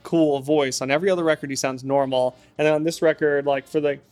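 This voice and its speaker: A man's voice: fairly high pitch, steady tone, quick pace, darkish tone, soft background music. A male singer chatting as a guest in an apartment interview, rambling and enthusiastic with plenty of fillers. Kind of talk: casual interview chat.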